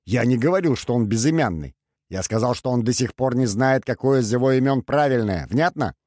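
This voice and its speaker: A man's voice: mid-range voice, lively intonation, a little fast, darkish tone, no echo, studio quality, pitched above the performer's own voice, natural voice. A man doing a teasing, giggly astrologer. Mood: amused. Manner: teasing, amused. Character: mocking cheerful male astrologer.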